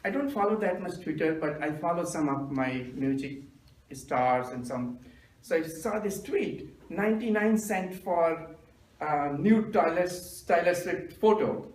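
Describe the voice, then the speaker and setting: A man, telling self-mocking jokes in a deadpan storytelling manner as a humorous club speaker. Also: a little high, unhurried. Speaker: stand-up speaker. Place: meeting room with audience. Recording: echoey room from a distance.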